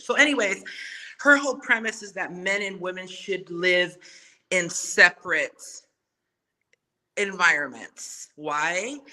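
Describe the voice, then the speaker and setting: On a rough recording, a music artist from Samoa, a native Samoan speaker, chats as a podcast guest in a relaxed interview. Her lowish voice has a sharp tone, and she is frank and casual, dropping slang and swear words.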